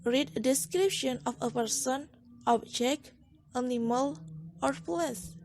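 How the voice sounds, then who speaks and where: Young woman, Indonesian accent, high voice, unhurried careful reading, student presentation. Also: a little mellow, slight background noise. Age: young adult. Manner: slow, careful reading with restarts.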